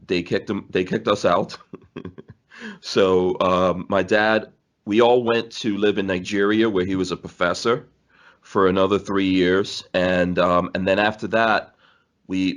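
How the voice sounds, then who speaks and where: Low voiced guy, forties, from guyana grew up in nyc, rambles on telling stories and laughs a lot. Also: steady tone, a little slow. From born in Guyana, raised in New York City. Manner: rambling, laughs often, restarts. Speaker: podcast guest. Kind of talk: casual storytelling interview.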